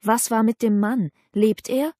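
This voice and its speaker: A woman's voice: a little high, steady tone, a little slow, warm tone, dry recording, studio quality. A woman reading an anxious young noblewoman. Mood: urgent questioning. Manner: urgent questioning. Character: young noblewoman, about nineteen, anxious and pressing.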